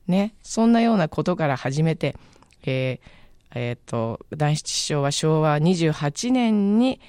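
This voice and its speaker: A woman's voice: deep voice, expressive, slow, dark tone, clean tone, no echo, clean studio sound. A woman radio host casually recommending a book on air, chatty and musing, often searching aloud for the right word.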